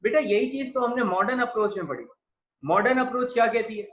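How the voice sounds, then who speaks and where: An accounting teacher with an extremely high-pitched, lively, brisk voice gives a patient classroom lecture, calling his students "beta" and writing on a board as he talks. The room sound is echoey, dull and lo-fi.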